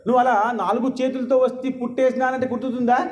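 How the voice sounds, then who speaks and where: Sermon quote: a man voicing an emphatic queen mother, very high voice, echoey room. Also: fairly even intonation, fast. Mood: teasing. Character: queenly mother asking god for a baby son. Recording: echoey hall with faint ambience.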